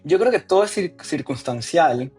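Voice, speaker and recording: Man from Ecuador, 30s, husky podcast guest, faint music under. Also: on the high side, normal speed. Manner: relaxed storytelling with frequent fillers. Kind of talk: casual interview conversation.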